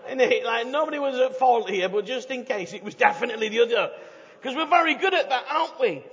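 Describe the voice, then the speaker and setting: A man with a broad-vowelled Bradford accent speaks in a high voice across a reverberant hall. He preaches informally, like a chatty, joking evangelist, checking in with his listeners through rhetorical questions. The sound is slightly dull. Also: animated, fast talker, fairly bright tone, a little hiss or hum. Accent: Bradford, West Yorkshire. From Bradford, England. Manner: chatty, jokey, uses rhetorical tag questions. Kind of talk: informal humorous sermon to a live audience.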